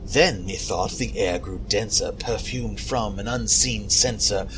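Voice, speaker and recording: A man's voice: on the low side, unhurried, noisy background. Hammy theatrical man reciting gothic verse. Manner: hammy, theatrical stage-actor delivery; swings from hushed to loud impassioned cries. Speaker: poetry reader. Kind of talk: dramatic recitation of gothic poem. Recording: music under the voice. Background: background music.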